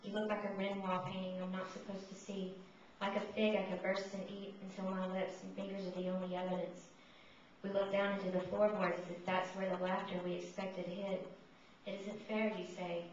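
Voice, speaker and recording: A woman giving a poetry reading, reciting her own verse in measured, solemn short phrases. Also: medium pitch, flat delivery. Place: reverberant indoor room, live reading. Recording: distant, muffled, echoey room with noise.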